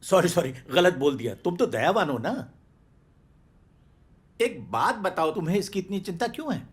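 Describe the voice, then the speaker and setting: A sarcastic, scolding judge. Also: male voice, high-pitched, animated, moderate pace, husky. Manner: sarcastic, scolding, dry authority. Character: sardonic middle-aged male judge. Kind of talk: film courtroom drama.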